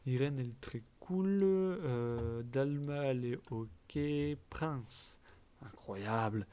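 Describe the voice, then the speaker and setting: A young man chatting casually as a gaming video host, giving blunt quick verdicts with trailing fillers. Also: mid-range voice, mellow, clean tone. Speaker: gaming YouTuber. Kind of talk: casual commentary.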